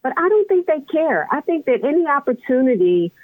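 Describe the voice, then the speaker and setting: A woman's voice: high-pitched, very animated, a little fast. A female podcast co-host speaks with passion in a conversational way. She comes through a tinny, phone-like line that is dry with no room echo. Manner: impassioned, conversational. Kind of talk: podcast commentary.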